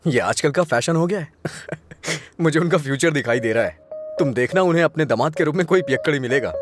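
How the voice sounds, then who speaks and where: A man's voice: on the high side, lively intonation, natural voice. A man voicing a cheeky young drinker. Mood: teasing. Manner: playful, teasing, quick to laugh. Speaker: dubbed film hero. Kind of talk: Hindi film dubbing. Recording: dubbed dialogue over loud film music.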